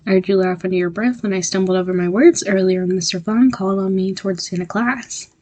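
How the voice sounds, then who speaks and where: A woman's voice: mid-range voice, fast talker, darkish tone, no echo, close to an everyday voice. A young woman voicing an abrasive female college classmate in an audio role-play, blunt and swearing as she confronts someone. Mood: angry, scolding.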